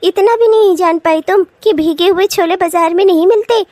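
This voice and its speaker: A young daughter-in-law in a cartoon who teases and coaxes, as a woman puts her on. The voice is very high and sits close and dry on the mic. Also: normal speed, no room sound. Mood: teasing. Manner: gently mocking, coaxing. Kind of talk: cartoon voice acting.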